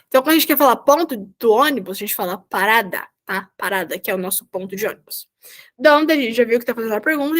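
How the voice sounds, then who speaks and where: Brazilian woman, volunteer teacher on a video call, fairly high voice, patient and repetitive, checks in often. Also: fairly bright tone. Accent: Brazilian Portuguese. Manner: patient, repeats "tá?" to check understanding. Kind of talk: online class explanation.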